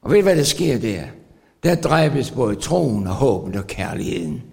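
A man preaching a sermon. He repeats his phrases and pauses with fillers, then builds to loud, drawn-out emphasis. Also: medium pitch, big pitch swings, vocal fry. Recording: long hall reverb.

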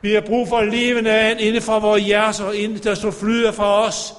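A man's voice: sits high, completely flat delivery, long reverb tail. A man preaching a sermon to a congregation, fervent and calling out. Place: church.

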